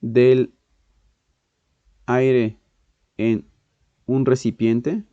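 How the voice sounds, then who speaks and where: Hesitant Mexican physics teacher, dry muffled sound. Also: male voice, medium pitch, little pitch movement, dry recording. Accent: Mexican Spanish. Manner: thinks aloud, halting, self-correcting, frequent "¿ok?" and throat clearing. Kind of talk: exam-prep lesson working through problems.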